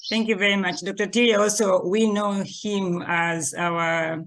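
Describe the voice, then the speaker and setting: A woman's voice: mid-range voice, fairly even intonation, unhurried. A woman hosting an online meeting, introducing each participant in turn with frequent hesitations. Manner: warm, informal introductions with hesitations. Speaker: meeting host. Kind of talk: video call introductions. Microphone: video call.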